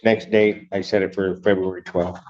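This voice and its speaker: A man serving as judge speaks in a very low, deep voice and hands down brisk, matter-of-fact rulings. The sound comes from a muffled, lo-fi courtroom audio recording. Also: level tone, darkish tone, a little hiss or hum. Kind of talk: presiding over court hearings.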